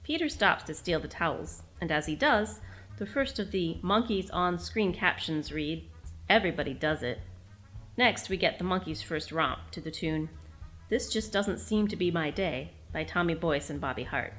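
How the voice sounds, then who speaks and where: A woman's voice: fairly low pitch, animated, normal speed, a bit bright, faint music behind. A woman hosting a podcast, reading her own written episode recap with fond enthusiasm. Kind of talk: scripted reading.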